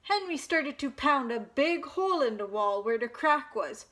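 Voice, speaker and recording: For an audience of young listeners, a woman reads a children's picture book with dramatic expression. She has a high-pitched voice and keeps a moderate pace.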